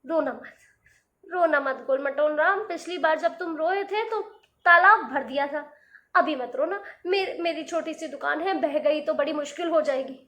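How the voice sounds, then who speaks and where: A woman voicing a kindly elderly male shoemaker with a gentle, fatherly manner, in a storybook reading. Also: sits high, normal speed. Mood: anxious pleading. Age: older.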